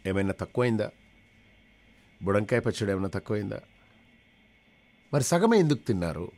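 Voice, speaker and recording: A man's voice: fairly low pitch, sing-song, moderate pace, a little mellow. A man hosting a live radio show, telling comic stories in a chatty way and dropping in English phrases. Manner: chatty, mixes English phrases, switches between voices. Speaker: radio jockey.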